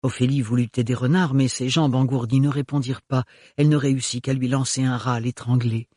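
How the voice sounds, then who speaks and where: A man narrating a novel in a steady, measured way. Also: medium pitch, no echo, studio quality. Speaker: audiobook narrator. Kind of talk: scripted narration.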